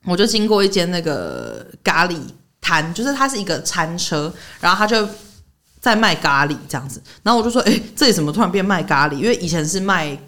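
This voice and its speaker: Lively fast-talking woman co-host. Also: fairly low pitch. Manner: animated storytelling, laughing often. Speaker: podcast co-host. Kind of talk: casual chat.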